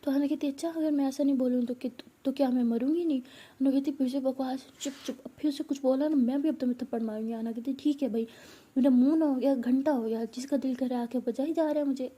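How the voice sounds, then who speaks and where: Soft-voiced woman telling a love story. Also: high voice, fairly even intonation, quick pace, slightly rough. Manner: soft, partly whispered narration. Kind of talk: narrating a love story, voicing each character.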